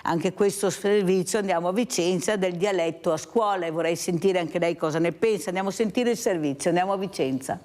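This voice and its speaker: A woman hosting a regional morning talk show, briskly introducing reports and putting chatty questions to a guest professor. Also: on the low side, a little mellow.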